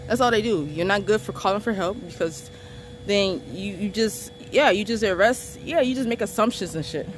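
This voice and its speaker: A woman's voice: mid-range voice, normal speed, noisy background. A woman and mother of three retelling her arrest in an angry, blunt vlog vent, swearing freely and hammering her points with emphasis. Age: adult parent of three children. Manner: blunt, profane, emphatic and defiant. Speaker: vlogger recounting her arrest.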